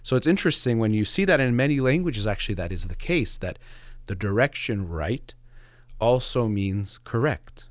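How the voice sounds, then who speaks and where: A radio host with a lowish voice delivers a solo, reflective monologue at a moderate pace, animated yet slightly hesitant as he explains. He's right up on the microphone, with no room sound.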